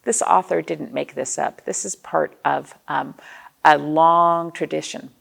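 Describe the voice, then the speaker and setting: A deep-voiced American woman with vocal fry hosts a children's storytime as a librarian, reading expressively and explaining simply with questions for her young listeners. Her intonation is fairly even and her pace measured.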